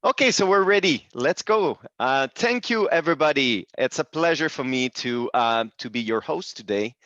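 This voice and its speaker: A French-speaking man from Quebec, Canada, hosts and presents a webinar in English with a Quebec French accent, often hesitating and restarting his sentences in his second language. His voice is mid-range and a bit bright, with lively intonation. The video call audio is dull and dry, with no echo.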